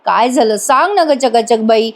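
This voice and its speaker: A woman's voice: fairly high pitch, lively intonation, normal speed. A woman playing a teasing young husband. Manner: teasing, coaxing.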